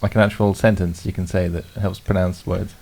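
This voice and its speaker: A man's voice: sits low, level tone, fairly quick, creaky, a little mellow. A man in casual podcast chat on a headset mic, rambling and laughing often. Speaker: podcast co-host.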